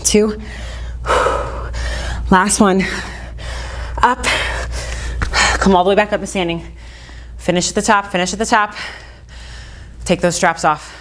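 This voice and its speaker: A woman's voice: medium pitch, fairly even intonation, measured pace, long pauses. A woman working as an aerobics instructor, out of breath as she counts reps and gives short, encouraging workout commands. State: out of breath from exercising. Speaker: fitness instructor.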